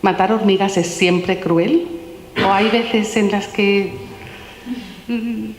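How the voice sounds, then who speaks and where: Woman presenting, asks questions to the audience one after another, mid-pitched voice, echoey hall. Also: takes it slowly, noisy background. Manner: asks a steady stream of gentle questions. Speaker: author presenting her book. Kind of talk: reading aloud questions from a children's philosophy book. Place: large echoey room at a public talk. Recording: roomy hall with long reverb.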